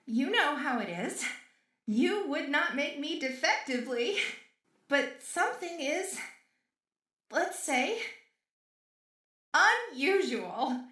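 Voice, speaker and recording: A woman's voice: high voice, animated, takes it slowly, pauses often, sharp tone, reverberant, recorded from a distance, heavily acted. A woman playing an obsessive, lovesick female maid robot in an audio role-play, with clingy, menacing, unhinged villain sweetness. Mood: puzzled, uneasy.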